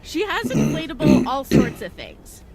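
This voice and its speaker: A woman's voice: extremely low pitch, wildly swooping pitch, normal speed, darkish tone, faint music behind, full character voice. An actress playing an oblivious, ditzy female customer in a game.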